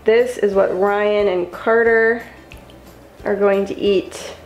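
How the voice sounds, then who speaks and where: A woman's voice: mid-range voice, fairly even intonation, takes it slowly, roomy sound, faint music behind. Upbeat young woman walking through meal prep. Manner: upbeat, chatty, step-by-step instructions. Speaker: lifestyle vlogger. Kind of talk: cooking vlog voice-over. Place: home kitchen.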